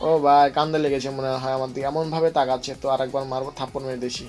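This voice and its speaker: A young man, a little hoarse, giving rambling, joking commentary on his own gameplay and teasing his opponents. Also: mid-range voice, level tone, rapid-fire, darkish tone, faint music behind. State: voice slightly hoarse. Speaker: gaming channel host.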